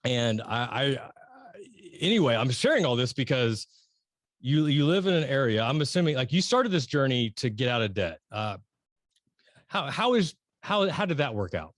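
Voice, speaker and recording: Man, interview host, middle-aged, rambling, lively pitch, dry recording. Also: normal speed, no room sound. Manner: rambling, restarts often, excitable emphasis. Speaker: podcast host interviewing a guest. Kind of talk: casual interview.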